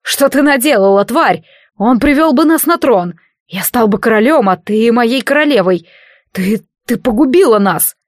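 A young would-be king, high and furious, hurling loud accusations, as a woman narrator puts him on. The voice stays close with a dry sound. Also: expressive, moderate pace, no echo. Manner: shouting, accusing. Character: young man, frantic and resentful would-be king.

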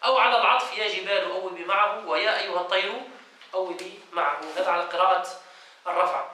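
Brief: male sheikh teaching a study circle, high, bright voice, distant and echoey. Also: quick pace. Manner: reads a passage, then explains it and quizzes students. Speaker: sheikh teaching Quran exegesis. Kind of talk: classroom lesson, reading and explaining. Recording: echoey room, voice from off-mic, faint noise.

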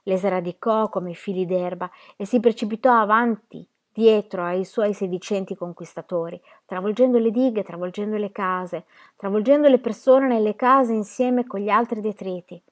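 A woman reading a novel aloud in steady, dramatic audiobook narration. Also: medium pitch, moderate pace. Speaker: reader.

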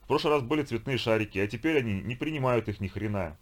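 A man voicing a huge, hot-tempered bearded viking who curses and shouts in exasperation. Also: medium pitch, animated, quick pace, lightly acted. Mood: gruff, exasperated. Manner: loud, cursing, exasperated shouting.

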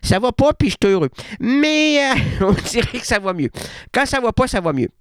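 A man's voice: extremely high pitch, sing-song, moderate pace, clear, resonant tone, no echo, studio quality. A man with a Québécois accent, a radio host, delivering a surreal comic monologue in a playful, rambling way full of wordplay and restarts. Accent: Québécois French. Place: radio studio.

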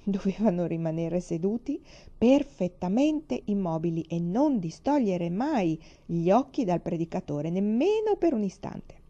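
A woman reading a children's storybook aloud in a calm, measured way. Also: mid-range voice. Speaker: reader. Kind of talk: storybook narration. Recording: dull lo-fi recording.

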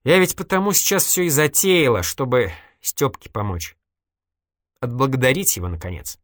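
A reader voicing a sharp-tongued, stubborn young woman in an audiobook, reproachful and needling, with a dry close sound. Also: rumbling low, expressive, normal speed, dry recording, voice pushed up. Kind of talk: audiobook character voice.

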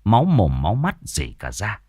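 A male storyteller narrates a horror tale dramatically. His pitch rises and falls with the tension, and the recording is close and dry. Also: wildly swooping pitch, moderate pace, warm tone, husky, no room sound.

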